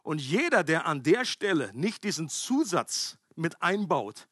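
High, bright-voiced husky preacher man. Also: unhurried, dry recording, clean studio sound. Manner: conversational, emphatic preaching with animated acted-out quotes. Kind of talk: sermon.

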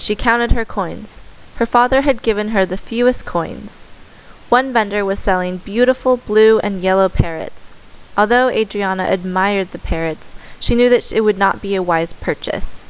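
A woman reading a children's story aloud in steady scripted narration, with the odd small self-correction. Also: medium pitch, smooth, rough recording.

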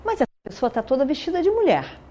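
A woman telling an epic story in an animated way, switching between the characters' voices. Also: high-pitched, fast talker.

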